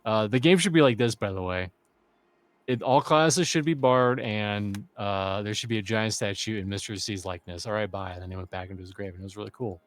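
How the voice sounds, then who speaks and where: A man hosts a loose gaming chat in a flat, deadpan manner that his friends find funny. His voice is smooth and resonant, and it comes across close and dry with no room sound. His delivery is droll and unhurried. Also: on the low side, dry recording. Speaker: streamer and host.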